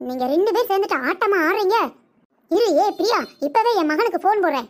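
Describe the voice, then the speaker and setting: Cartoon mother-in-law, older, shrill and scolding, played by a woman, very high voice. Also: expressive, fast talker. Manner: scolding, nagging, loud. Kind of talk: cartoon comedy voice acting.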